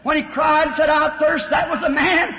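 A man preaching an impassioned revival sermon, often shouting. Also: very high-pitched, little pitch movement, moderate pace. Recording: old roomy dull recording with loud crowd noise. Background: congregation noise.

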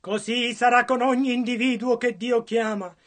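A man's voice: very high voice, steady tone, moderate pace, fairly bright tone. A man interpreting a sermon line by line, earnest and matching the preacher's fervor.

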